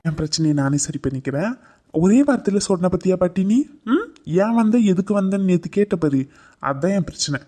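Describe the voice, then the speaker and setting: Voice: mid-range voice, expressive, fairly quick, mellow, natural voice. A voice actor playing a sullen, sarcastic young man who snaps at his grandmother in a cartoon comedy. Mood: sulky.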